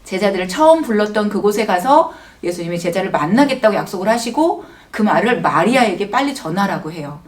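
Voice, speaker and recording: A woman teaching a gentle Easter sermon to children, asking them questions as she goes. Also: mid-range voice, animated, a little fast, few pauses, far from the mic. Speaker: children's Sunday school teacher.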